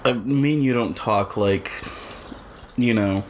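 A young man with a Californian accent, chatting casually on a podcast in halting, slangy, sweary SoCal talk. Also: fairly low pitch. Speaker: podcast co-host. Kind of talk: casual chat. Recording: faint background noise.

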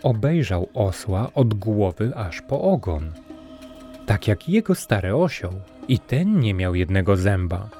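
A man tells an old fairy tale for his podcast in a calm, measured way. His voice sits low and warm. Soft music plays quietly behind him. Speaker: podcast storyteller. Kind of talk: scripted fairy-tale narration.

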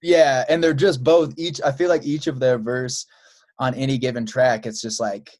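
A man hosting a podcast, talking in a relaxed, loose way with many fillers and restarts. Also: medium pitch, moderate pace, no echo, clean studio sound. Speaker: podcast host. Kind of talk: casual podcast chat.

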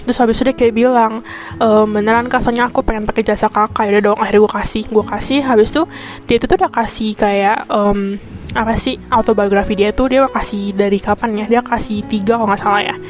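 A woman's voice: medium pitch, fairly even intonation, fast, faint music behind. A young woman with Jakarta slang, venting in a rambling, chatty monologue full of self-corrections. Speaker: podcast host.

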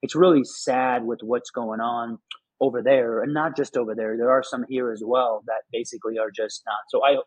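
A man's voice: medium pitch, steady tone, moderate pace, slightly rough, dry recording, poor audio. A man from Afghanistan hosting a podcast interview, friendly and a bit rambling, with frequent mm-hmms. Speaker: podcast host. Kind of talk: casual interview chat.

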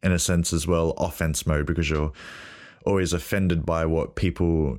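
Deep husky-voiced man hosting a podcast. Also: fairly even intonation, moderate pace, darkish tone. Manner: reflective, loose, frequent fillers and throat clearing. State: husky from a cold. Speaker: podcast host. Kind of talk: solo podcast monologue.

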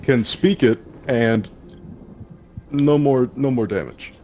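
A man's voice: mid-range voice, slow, warm tone, a little hiss or hum. Hesitant male tabletop player. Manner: hesitant, stumbling over words. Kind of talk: playing a tabletop game.

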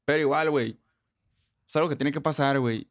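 A man's voice: a little high, fairly quick, dry recording. Slangy young northern Mexican man, dry recording. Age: young adult. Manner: profane, heavy street slang. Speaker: interview guest. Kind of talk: casual slangy chat.

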